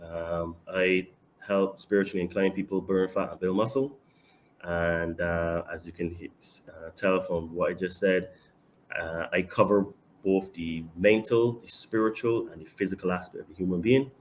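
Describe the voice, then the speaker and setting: A man from Barbados with a Barbadian accent, a guest on a casual podcast, speaking confidently and emphatically with sudden bursts of loudness. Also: sits low, fairly even intonation, moderate pace, a little hiss or hum. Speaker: podcast guest and online fitness coach.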